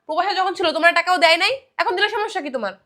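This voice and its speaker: An actress playing a middle-aged mother who scolds her family with quick retorts. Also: extremely high pitch, pushed and bright. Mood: scolding. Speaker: mother-in-law.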